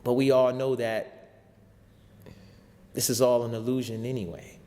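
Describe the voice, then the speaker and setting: Measured and mellow, a man speaks at medium pitch with little pitch movement. A show host and spiritual teacher, he gives an impassioned, sermon-like talk in casual vernacular, repeating himself rhetorically, with long hall reverb throughout.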